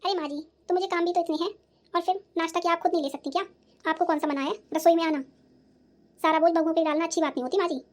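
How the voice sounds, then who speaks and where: A defiant young daughter-in-law in a cartoon who talks back and complains about her in-laws, voiced by a woman. Her voice is high. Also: steady tone, fast talker. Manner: defensive, answering back. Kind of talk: cartoon voice acting.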